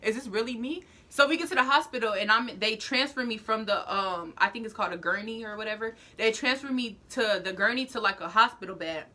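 A young woman telling a storytime vlog in animated, casual slang, acting out what people said. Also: medium pitch, brisk, hardly any pauses. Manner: acts out quoted lines. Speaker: vlogger.

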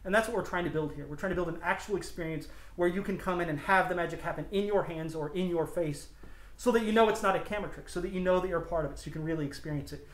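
A man in his thirties, a magic shop owner, talking casually about his shop and doing card-trick patter with playful, deadpan jokes. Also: high voice, racing. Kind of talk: casual demonstration and interview. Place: inside a small shop, indoors. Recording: echoey shop room with faint background noise.

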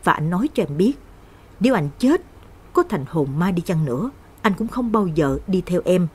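Young guy in love with a ghost, a woman reads him, firm and defiant, breathy. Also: lowish voice, big pitch swings, moderate pace, darkish tone. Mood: resolute. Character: young man torn between love and fear.

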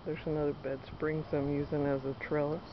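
A woman's voice: low voice, level tone, fairly quick. A woman in her thirties walks through her backyard garden, chatting casually as she points out plants to a handheld camera. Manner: chatty, pointing things out while walking. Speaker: home gardener. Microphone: handheld camera at arm's length. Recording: dull lo-fi outdoor camera audio, clear background noise.

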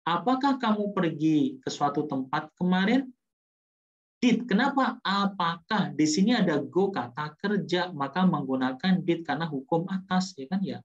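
Man teaching grammar, muffled recording. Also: fairly high pitch. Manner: lively, asks rhetorical questions and answers them; slows down to repeat example sentences. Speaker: English teacher. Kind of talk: classroom grammar explanation.

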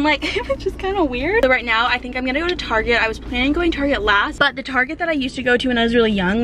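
A young woman with a fairly high voice talks casually, as if to friends on a shopping vlog. She rambles and second-guesses herself as she goes. There is clear background noise of stores and car ambience. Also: a bit bright. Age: young adult. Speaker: vlogger. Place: inside stores and a parked car.

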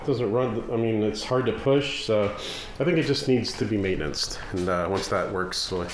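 Casual family vlogger, man in his forties, lowish voice, noisy camera audio. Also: moderate pace. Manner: rambling, easygoing, restarts sentences. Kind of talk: casual vlog chat. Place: garage at home, indoors. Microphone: handheld camera close to face.

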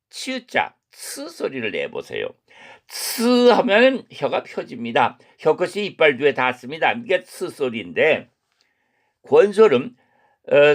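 A middle-aged man teaching pronunciation, his pitch swinging widely as he stresses each sound. He talks slowly and deliberately, repeating syllables over and over for the learner to copy. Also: a bit bright. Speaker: language teacher. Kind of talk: recorded pronunciation lesson.

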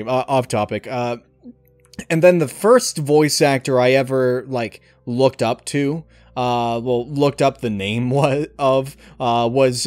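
A man being interviewed, a channel host and amateur voice actor, answers casually with rambling, hesitant enthusiasm. His voice sits at medium pitch with a darkish tone and no echo. Music plays behind him.

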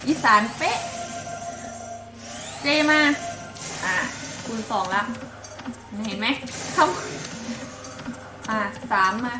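High-voiced giggly woman with Isan accent. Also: very animated, drawn-out words, pauses often, echoey room, distant mic, music in the background, low-quality recording. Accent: Isan (Northeast Thai). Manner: chatty and giggly, coaxing the game aloud. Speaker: online slot game streamer. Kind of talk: casual chat to viewers while playing.

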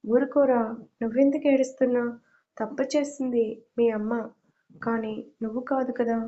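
Woman reading a sad tired uncle, fairly high mellow voice. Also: steady tone, normal speed, dull audio, lightly acted. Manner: weary, sorrowful. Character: grieving widowed uncle, weary and hurt.

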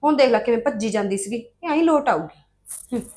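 A woman's voice: a little high, expressive, quick pace, darkish tone, lightly acted. An actress playing a spoiled young married woman who scolds her sister-in-law and finds fault with everything. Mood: scheming. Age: young adult. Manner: scolding, sulky, fault-finding. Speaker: actress in a village family drama.

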